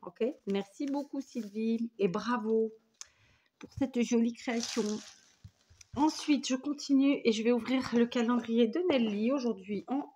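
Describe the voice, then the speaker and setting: Speaking a little slowly in a fairly high voice, a woman vlogs about crafts from inside her home, with faint hiss or hum audible. She chats casually and rambles through her show-and-tell, often correcting herself and offering warm thanks to those who sent her items.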